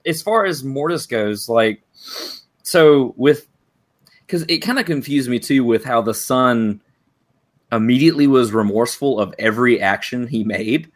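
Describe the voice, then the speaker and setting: A man co-hosting a casual fan podcast, animated and laughing often. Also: a little slow. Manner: animated, laughs often, acts out quotes in a higher voice. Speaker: podcast co-host.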